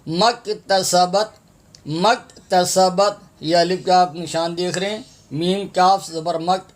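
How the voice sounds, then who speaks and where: Brief: male Quran teacher with a Pakistani Urdu accent, high voice, drawn-out chanting between brisk explanations. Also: steady tone. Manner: recites verses slowly and melodically, then explains rules quickly. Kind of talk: tajweed lesson with slow recitation.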